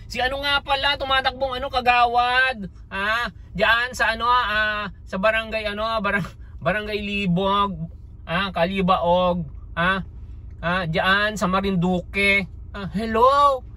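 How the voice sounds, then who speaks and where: A man vlogging casually as he walks outdoors on a street. He talks theatrically in exclamations and keeps tossing in questioning asides, and his voice is hoarse. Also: high-pitched, level tone, a little slow, pushed and bright. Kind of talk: casual street vlog chatter.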